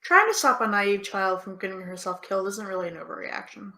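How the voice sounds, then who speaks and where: As Eve, a sardonic young American woman, a woman speaks at medium pitch and a fairly quick pace in audio drama dialogue. The mood is teasing and intimate, with a dry, deadpan manner.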